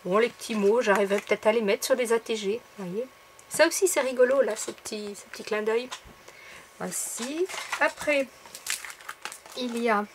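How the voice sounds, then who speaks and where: A woman's voice: a little high, a little hiss or hum. Chatty woman showing craft stickers. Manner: chatty, many fillers and little asides to viewers. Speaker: craft vlogger. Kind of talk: casual haul video.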